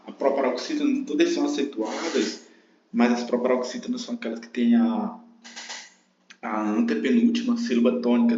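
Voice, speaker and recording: A man of middle pitch walks through an exam-prep grammar lesson, patiently explaining and checking in with the listener. His voice sounds roomy and slightly dull, as if recorded lo-fi in an echoing room. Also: a little hiss or hum. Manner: explanatory, frequent tag questions. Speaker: teacher.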